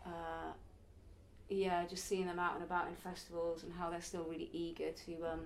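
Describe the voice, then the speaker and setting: In an interview, a woman in her early forties who performs in the circus and teaches it to youth speaks in a lowish monotone at normal speed. The recording has a little hiss or hum, and she's chatty and reflective, with laughs now and then.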